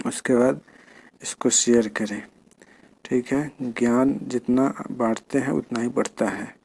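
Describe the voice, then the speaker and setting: Slow, mellow man teaching reading. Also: medium pitch, vocal fry. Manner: spells words out syllable by syllable. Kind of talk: slow spelling lesson for children.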